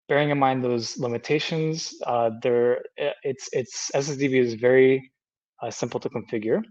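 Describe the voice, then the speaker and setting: A man in his thirties giving a technical presentation over a lo-fi video call, halting, with repeated words and stumbles. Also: medium pitch, a little mellow, no room sound. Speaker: conference speaker. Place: indoor room, video call. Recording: dull lo-fi video call audio.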